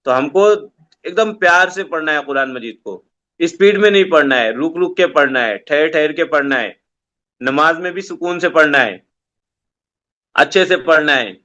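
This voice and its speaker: A man's voice: fairly high pitch, animated, pushed and bright, muffled recording. A man teaching an online Islamic studies class to children over a video call, giving simple, repetitive instructions.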